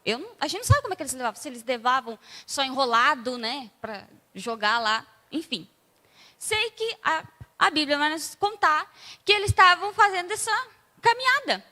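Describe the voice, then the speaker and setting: Brazilian woman preaching, chatty and animated, high voice, echoey church hall. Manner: conversational, acts out scenes animatedly. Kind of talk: sermon.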